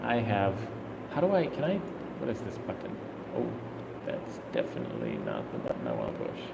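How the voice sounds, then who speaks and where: A man's voice: lowish voice, huge pitch swings, fairly quick, gravelly, echoey room, in a large hall, heavy background noise. A man in his thirties, a travel vlogger, casually answering viewer questions on a live stream, rambling and thinking aloud. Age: 30s.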